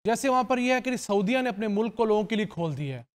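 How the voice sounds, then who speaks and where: A man's voice: high voice, animated, fast. A male guest on a talk show, explaining matters politely and informatively.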